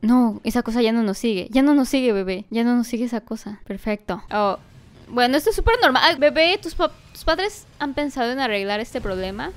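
A woman giving animated let's-play commentary, talking to a baby character and often yelling and laughing. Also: on the high side, a little fast. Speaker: gaming youtuber.

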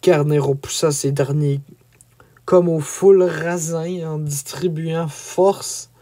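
A man's voice: a little high, takes it slowly. Man reading a medieval tale aloud. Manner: expressive, rising on action. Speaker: audiobook reader. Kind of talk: dramatic storybook narration.

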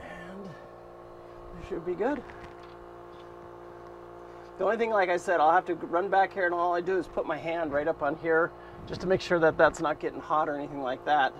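On the high side and a bit bright, this man's steady voice moves at a normal speed with long pauses. In his fifties, he's a boat owner vlogger guiding viewers through a repair in a cramped engine room, speaking plainly with fillers and thinking aloud as he goes. Recorded on a mounted action camera beside a running engine, the audio is dull with a little hiss or hum.

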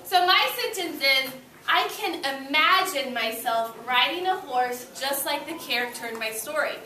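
This is a read-aloud lesson for little kids, led by a young female primary teacher with a high, expressive voice at normal speed. She encourages and instructs in short, simple phrases, recorded from a far camera in a loud, echoing classroom.

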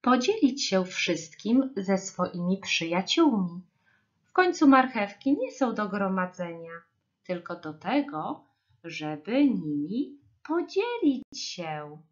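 Woman slowly reading a children's story. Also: medium pitch, highs cut off. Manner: slow, expressive reading.

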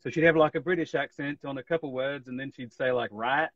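A man guest on an interview tells stories in a laid-back, easy way with plenty of "like". His voice sits at an everyday middle pitch. The sound comes through muffled, lo-fi livestream audio. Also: fairly even intonation, quick pace, no room sound. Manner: laid-back storytelling, peppered with "like". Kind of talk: casual chat.

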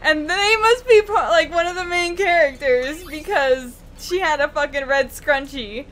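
A woman's voice: high-pitched, unhurried, a bit bright. A young woman co-hosting a gameplay video, chatty and laughing, with casual swearing. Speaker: let's play co-host. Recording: game music playing behind.

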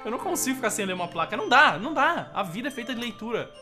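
A Brazilian-accented gamer narrating a playthrough in a jumpy, excitable way, looping the same words over and over when things go wrong. Game music plays steadily behind the voice. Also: medium pitch, racing. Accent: Brazilian Portuguese. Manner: excitable, panicky, repeats phrases, swears. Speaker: gameplay commentator. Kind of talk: let's play commentary.

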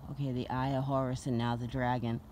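Breathless mellow-voiced sky watcher. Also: mid-range voice, flat delivery, brisk, a little hiss or hum. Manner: wondering, talks to self while filming. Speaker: vlogger filming the sky. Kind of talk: casual spiritual musing. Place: outdoors under the open sky. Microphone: handheld phone camera.

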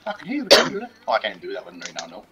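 Lively low-voiced joking man, faint music. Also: fast, dull audio. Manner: joking, keeps trying out cartoon impressions. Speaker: streamer playing an online game with friends. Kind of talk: casual gaming chat.

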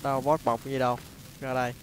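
A man's voice: medium pitch, little pitch movement, quick pace, noisy background. A man, co-hosting a casual gameplay session with a wry, chiding way of talking. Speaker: gaming channel co-host.

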